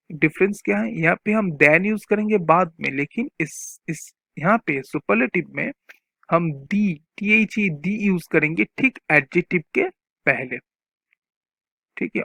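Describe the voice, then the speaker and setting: A man teaching English grammar, explaining points slowly and repeating them, reading example sentences out word by word. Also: on the high side, vocal fry, fairly bright tone, no echo. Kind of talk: explaining grammar from a chart, mixing Hindi and English.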